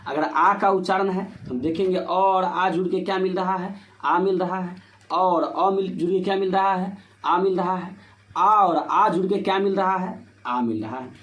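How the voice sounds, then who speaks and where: A man's voice: high-pitched, normal speed, a bit bright, highs cut off. A man teaching Hindi grammar for board exams, asking himself questions and filling with "ठीक है" as he explains step by step. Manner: repetitive rhetorical questions, "ठीक है" fillers. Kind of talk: board-exam grammar lesson. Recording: echoey room with faint noise.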